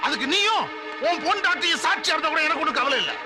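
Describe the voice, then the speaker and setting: An actor playing a furious young man who shouts threats at another man's father, over film music. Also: extremely high pitch, lively intonation, quick pace. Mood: furious threatening. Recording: film soundtrack with loud music.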